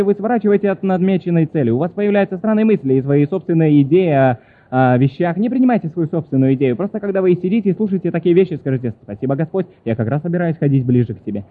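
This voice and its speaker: A man preaching a sermon, reading questions aloud and answering them, often correcting himself and apologizing. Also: fairly high pitch. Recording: tinny phone-like sound.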